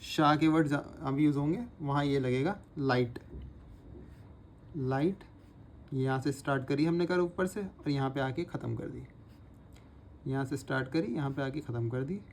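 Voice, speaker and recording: A man's voice: mid-range voice, a little hiss or hum. Patient man teaching shorthand. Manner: patient, repeats sounds slowly while writing. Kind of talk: instructional lesson, repeating drills aloud.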